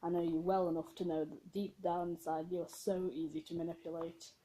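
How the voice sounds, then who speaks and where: A taunting, possessed young boy with a manic grin, speaking down in a low, mellow, patronizing voice, as a woman reads him out. He sounds menacing and superior in a homemade horror story reading. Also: little pitch movement, brisk, slight background noise, natural voice, low-quality recording.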